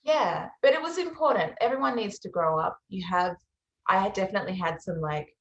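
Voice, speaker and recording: Being interviewed as a musician guest, this young Australian woman is reflective and earnest with soft fillers, yet her medium-pitched voice comes across animated and brisk. The sound is roomy and the audio dull.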